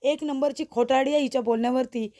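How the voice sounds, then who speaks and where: A woman's voice: high voice, steady tone, quick pace, warm tone, dry recording, studio quality, close to an everyday voice. Defiant young wife, blunt accusations, read by a woman. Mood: accusing.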